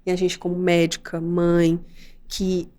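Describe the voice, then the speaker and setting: A woman's voice: lowish voice, monotone, measured pace, mellow. A middle-aged woman with a Brazilian accent, a doctor and mother hosting a podcast, who tells stories animatedly and acts out the scenes. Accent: Brazilian Portuguese. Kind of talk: casual podcast conversation.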